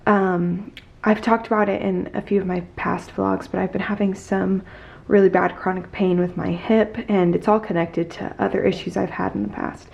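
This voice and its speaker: A young adult woman vlogging casually, telling stories in a chatty, animated way full of "like". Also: medium pitch, normal speed, creaky, husky, dull audio. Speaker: lifestyle vlogger. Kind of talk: casual vlog chat and storytelling.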